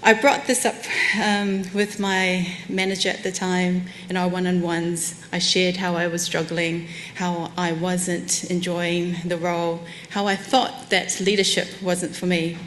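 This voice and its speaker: Her voice is on the low side with little pitch movement, and she keeps a measured pace with few pauses. She's a New Zealand keynote speaker of Samoan heritage, warm and candid, joking about herself with soft laughs at a lectern. A little hiss or hum sits under the lectern mic.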